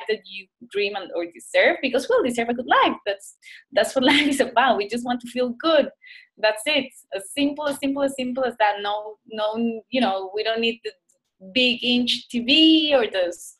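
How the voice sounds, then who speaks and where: On a low-quality recording, a guest doctor from Costa Rica talks with a voice on the high side and a bit bright. It's a reflective conversation, and she restarts many times while searching for words.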